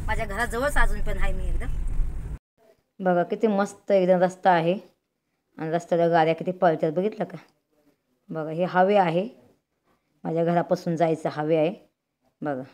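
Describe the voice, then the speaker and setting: A woman's voice: lowish voice, steady tone, normal speed, pauses often, dark tone. A woman chatting with her viewers and the friend filming her as she travels by car to a bus depot. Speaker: vlogger. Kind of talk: casual travel vlog. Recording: noisy phone video from a car and a depot. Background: traffic and street noise.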